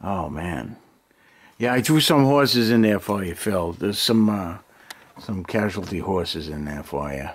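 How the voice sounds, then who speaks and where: Here an American hobby vlogger with a low voice thinks aloud in short, muttered, unscripted bursts. He's animated yet keeps a measured pace, chatting casually to camera in a cluttered basement hobby room while a handheld camera records him from roughly arm's length.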